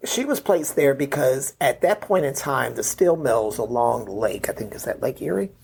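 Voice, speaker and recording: A middle-aged man, here a podcast guest and memoir author, tells a rambling family story in conversational interview style, ending points with "right?" and "you know." He's animated at medium pitch and moderate pace, gravelly and darkish. A little hiss or hum sits underneath.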